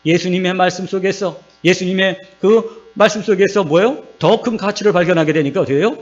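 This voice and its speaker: A man's voice: sits high, a little fast, soft background music. A male pastor preaching a sermon, keeps putting questions to his congregation and acts out the voices he quotes. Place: church sanctuary. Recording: dull lo-fi recording with mains hum.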